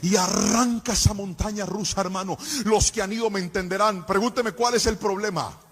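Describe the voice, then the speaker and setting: A man's voice: sits high, normal speed, slight background noise. A man preaching a passionate sermon in a sing-song cadence, telling a story and speaking straight to his listeners. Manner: addresses listeners directly, calls for responses. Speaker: pastor.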